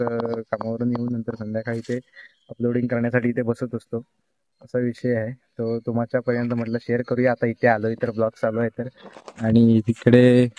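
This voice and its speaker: On a village hilltop in Konkan, India, at evening, a young vlogger chats into the phone camera he holds while filming. With a darkish tone and a middle-range male pitch, he explains the view to his viewers and calls out to animals and kids as he goes.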